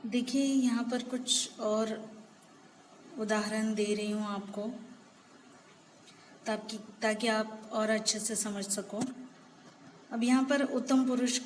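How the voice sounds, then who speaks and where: Slow-paced woman teaching a lesson. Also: medium pitch, steady tone, big-room sound, slight background noise, rough recording. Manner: slow, patient explaining with many examples. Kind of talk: Hindi grammar lesson.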